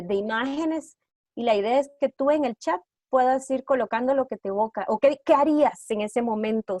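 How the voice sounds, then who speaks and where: In a slightly high voice with a darkish tone, a woman facilitates a trauma-informed care workshop online via video call, rapidly throwing rhetorical questions at the audience. The recording is dry and of studio quality.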